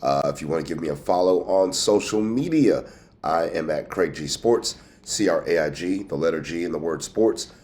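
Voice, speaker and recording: A man's voice: low voice, lively intonation, normal speed, darkish tone. A man hosting a sports show in casual commentary, sounding congested and nasal from a cold, as if pinching his nose, with a folksy, conversational manner. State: has a cold with a scratchy throat. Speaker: host of a sports team news show.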